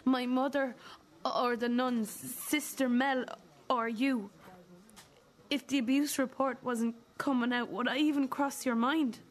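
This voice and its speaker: Woman acting wounded adult daughter, drama dialogue, slightly high voice, slow delivery, bitter, accusing, deliberate. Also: steady tone. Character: wounded, bitter adult daughter confronting the mother who abandoned her. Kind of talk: dramatic two-hander dialogue.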